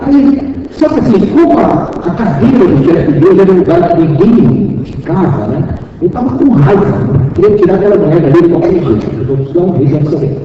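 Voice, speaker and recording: A man's voice: high voice, expressive, brisk, crowd noise. A male minister giving a storytelling sermon to young people, talking in a conversational way and asking the room questions. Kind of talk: storytelling sermon to a youth meeting. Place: church hall. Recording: echoey hall, distant muffled mic.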